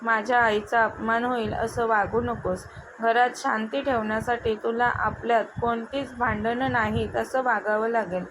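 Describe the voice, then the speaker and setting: A woman voicing a stern adult male police officer, speaking firmly and in a measured way. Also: a little high, fairly even intonation, lightly acted. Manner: firm, measured. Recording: noticeable background noise.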